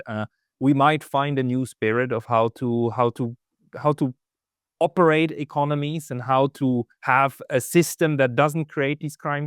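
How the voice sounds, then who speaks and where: A man hosting an interview who asks long questions haltingly, restarting his words. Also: mid-range voice, clear, resonant tone, no room sound, studio quality. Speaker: interview host.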